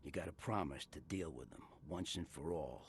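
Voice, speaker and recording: A man playing a surly, grudging barkeep in a video game, gruff and guarded with strangers. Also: extremely low pitch, normal speed, slight background noise. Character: surly, grudging male barkeep hostile to newcomers. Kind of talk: video game character acting.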